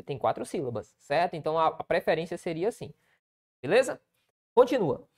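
A man's voice: fairly high pitch, sing-song, fairly quick. A man with a Brazilian Portuguese accent, a writing teacher correcting a student essay aloud, who keeps checking in with the listener and pointing things out on the page.

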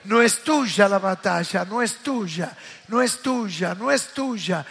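A man with a Rioplatense accent preaching a passionate sermon, rising to loud calls and then dropping to hushed asides. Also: high voice, animated, takes it slowly, vocal fry, slightly rough, faint music behind. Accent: Rioplatense Spanish. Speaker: pastor.

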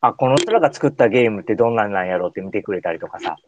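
Fast-talking Kansai man, dry sound. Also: on the low side, expressive, no echo, dull audio. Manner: informal, colloquial. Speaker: radio show host. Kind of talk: casual chat.

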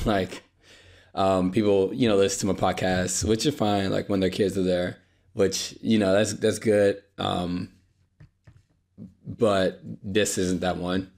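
This is a young male podcast host with a low, slightly mellow voice marked by vocal fry. Alone at a podcast mic, he rambles unscripted in a weary, apologetic manner, his voice somewhat dry, often restarting and leaning on fillers.

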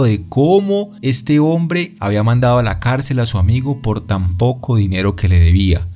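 A man's voice: mid-range voice, mellow. A married man giving an earnest devotional testimony, often asking the listener questions.

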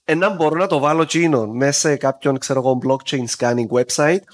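A man with a Cypriot Greek accent explaining things in a casual conversation, dropping English terms into his informal speech. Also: on the high side. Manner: mixes English tech terms into informal Greek, acts out small examples.

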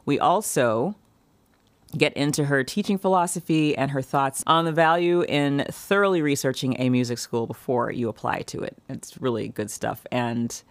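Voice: medium pitch, normal speed, dry recording. Enthusiastic podcast host, chatty delivery, dry close mic. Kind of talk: podcast intro and interview.

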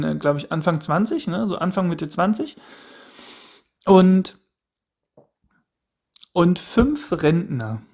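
A man's voice: a little high, a little mellow. A man in his thirties hosting a solo podcast, musing aloud with repeated questions and frequent restarts. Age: 30s. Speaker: podcast host. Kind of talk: casual solo podcast monologue.

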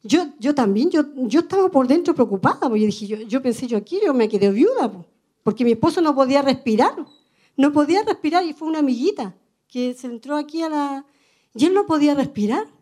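High-voiced Chilean woman preaching. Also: expressive, fairly quick, mellow. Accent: Chilean Spanish. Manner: earnest, conversational, often adds "amen", tells personal stories. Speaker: preacher at a women's meeting. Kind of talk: sermon.

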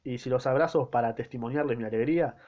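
A man's voice: mid-range voice, quick pace, a little mellow, highs cut off, lightly acted. A man with an Argentine accent reading the lines of a scheming, lecherous fake doctor in flowery courtly speech. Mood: flattering. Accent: Argentine Spanish.

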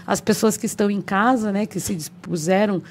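A woman from Brazil, a guest on a podcast, telling anecdotes in a lively, animated way. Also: mid-range voice, a little fast. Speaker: podcast guest, local government official. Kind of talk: casual chat, storytelling.

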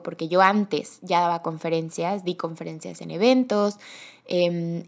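A young woman with a Mexican accent, talking casually and chattily as a podcast host in a storytelling monologue. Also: lowish voice. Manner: chatty, animated, quick bursts with laughter.

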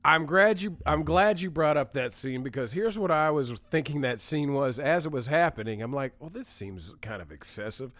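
A man's voice: a little high, moderate pace, few pauses, fairly bright tone, dry recording. A man co-hosting a podcast, talking casually and enthusiastically, laughing easily. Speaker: podcast co-host. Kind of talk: casual chat.

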